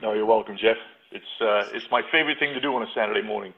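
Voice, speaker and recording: A man's voice: fairly low pitch, rapid-fire. A middle-aged man from North Yorkshire, a podcast guest telling his story in a reflective, stop-and-start way. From England, North Yorkshire. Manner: reflective, with frequent restarts. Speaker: podcast guest, patent consultant. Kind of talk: casual interview talk. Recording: tinny phone-like line.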